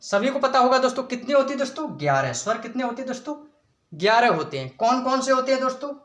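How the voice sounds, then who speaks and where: In an echoey room, a young man with a high, slightly bright voice teaches an exam-prep lesson, talking fast and very animatedly. He asks the class each question and then answers it himself, slipping "friends" into almost every sentence.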